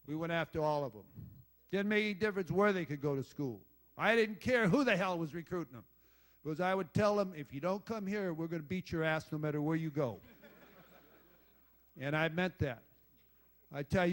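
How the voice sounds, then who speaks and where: Older man, high-ish voice, profane, blunt former coach telling war stories at a dinner. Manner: blunt, salty storyteller, swears and jokes with the crowd. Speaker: former football head coach giving induction speech. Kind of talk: rambling after-dinner speech with stories.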